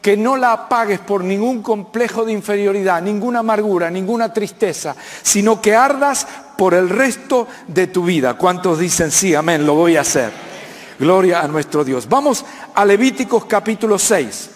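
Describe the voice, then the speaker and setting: Argentine male pastor, 50s, high voice, call-and-response sermon, long church-hall reverb. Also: moderate pace. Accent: Argentine Spanish. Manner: preaching with call-and-response questions to the congregation.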